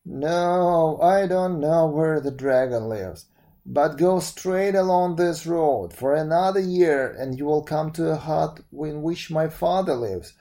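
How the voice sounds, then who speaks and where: A very old man in a storybook, answering plainly and matter-of-factly in the reader's voice. The tone is mellow and warm. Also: mid-range voice, takes it slowly. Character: very old man, the first one's father.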